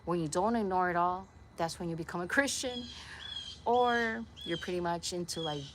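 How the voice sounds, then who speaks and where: This young woman from Puerto Rico speaks at a normal pace in a lowish voice, chatting casually to a nearby camera outdoors in her backyard. She rambles in an earnest, slightly preachy way, and there's background noise.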